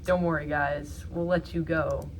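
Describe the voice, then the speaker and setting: A young woman co-hosting a podcast, talking slowly with a teasing, giggly manner. Her pitch is a bit low for a woman, with a faint hiss behind. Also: steady tone. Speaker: podcast co-host. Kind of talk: casual chat.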